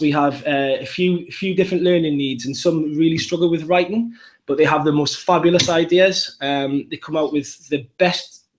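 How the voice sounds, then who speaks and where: A man with a Geordie accent, a primary school teacher, walking through an app demo step by step in an upbeat way. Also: a little high. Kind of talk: live app demonstration.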